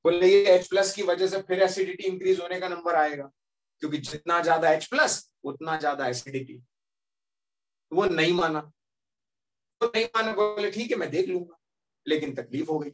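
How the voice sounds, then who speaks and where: A male teacher giving a lively classroom lecture as a story, often checking that students follow. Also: sits high, normal speed, distant mic.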